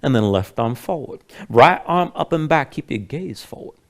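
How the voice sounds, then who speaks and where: A man's voice: medium pitch, expressive, moderate pace. A man instructing a yoga class, giving step-by-step cues in a casual, informal way.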